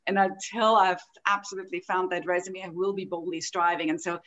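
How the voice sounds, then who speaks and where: Woman, forties, low-pitched, earnest, on a laptop video call. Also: flat delivery, fairly quick, fairly bright tone, muffled recording. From Austria. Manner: earnest, open storytelling. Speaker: guest, health coaching founder. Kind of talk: podcast interview over video call. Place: home room at a desk.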